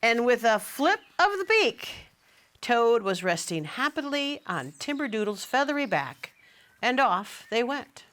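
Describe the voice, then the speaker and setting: A woman author reading her children's picture book aloud in an animated storytelling manner. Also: on the high side, unhurried.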